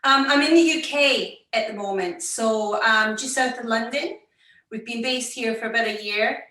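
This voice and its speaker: A middle-aged woman with a Scottish accent, a fashion executive interviewed over a video call, speaking deliberately slowly. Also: a little high, pushed and bright. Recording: roomy, distant video call audio.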